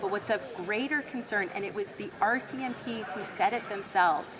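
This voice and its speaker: A woman's voice: mid-range voice, moderate pace. A Canadian woman giving a formal, reproachful reply as government leader in parliament. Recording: crowd in legislative chamber.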